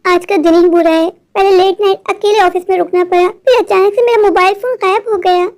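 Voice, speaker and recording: A woman's voice: very high-pitched, steady tone, a little fast, darkish tone. A woman voicing a frightened, tired male office worker in a cartoon, anxious and pleading, short-tempered with his wife.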